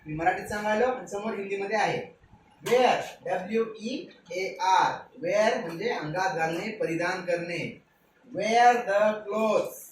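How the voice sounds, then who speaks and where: A man's voice: high voice, moderate pace, background noise. A man from Maharashtra teaching young pupils English words. He spells each word letter by letter and keeps asking the class to repeat it. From Maharashtra, India. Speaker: primary school teacher. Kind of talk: spoken English vocabulary lesson for children. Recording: very echoey room, voice from far off the mic.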